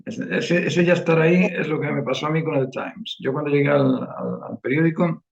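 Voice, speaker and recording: A man's voice: on the high side, normal speed, gravelly, dull audio. A man from Spain with a Spanish accent, teaching a one-on-one online painting class and often checking in with "eh?" as he explains. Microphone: video call.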